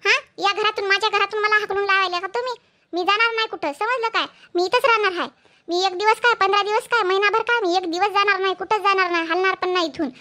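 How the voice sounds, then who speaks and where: A woman's voice: very high-pitched, fairly even intonation, quick pace, bright, forceful tone. A woman playing a lazy, quarrelsome young daughter-in-law in a village family comedy skit, speaking with a Marathwada Marathi accent and snapping combative challenges again and again. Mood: defiant. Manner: combative, keeps repeating "समजलं काय?".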